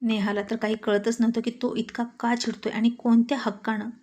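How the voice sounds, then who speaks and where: A woman's voice: on the high side, level tone, fairly quick, darkish tone. A woman narrating a dramatic family story in scripted storytelling style.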